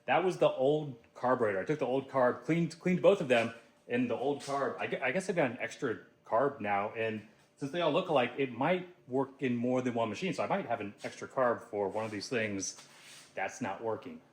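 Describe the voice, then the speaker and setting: A man hosting a casual do-it-yourself vlog, talking to himself with excitable, self-mocking energy as he tests his tools. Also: mid-range voice, moderate pace, roomy sound. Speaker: DIY video host. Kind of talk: casual vlog narration while testing tools.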